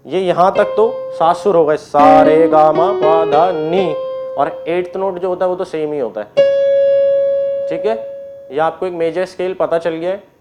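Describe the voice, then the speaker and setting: A man teaching an online keyboard class, explaining step by step, often clearing his throat and checking that students follow. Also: high-pitched, normal speed, loud music behind the voice. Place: indoors with keyboard and board.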